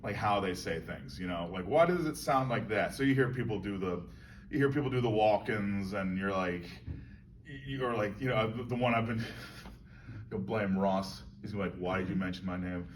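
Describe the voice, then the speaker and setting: A man's voice: lowish voice, normal speed, slight background noise. A man in a casual convention interview, talking about acting in a musing, meandering way and laughing often. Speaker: actor being interviewed. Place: convention hall. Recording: distant mic with faint crowd ambience.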